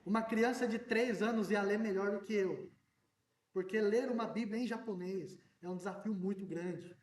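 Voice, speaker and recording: A pastor with an unusually high male voice delivers his sermon with animated energy, sometimes nearly shouting. He sounds as though he stands some way from the mic. The church hall around him rings with echo. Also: normal speed, recorded from a distance.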